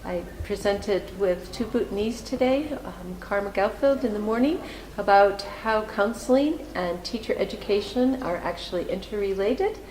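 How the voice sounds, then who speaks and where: A woman from the United States introduces herself in a friendly, conversational way. Her pitch is ordinary. The room echoes, with faint ambience behind her. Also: expressive, moderate pace, a little mellow, slight background noise. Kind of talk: short self-introduction.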